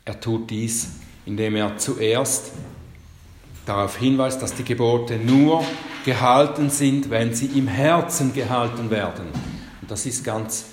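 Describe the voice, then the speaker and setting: Slow-preaching man in echoey hall. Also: mid-range voice, slight background noise. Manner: slow, emphatic preaching with stressed quotations. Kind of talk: sermon. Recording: echoey hall, long reverb.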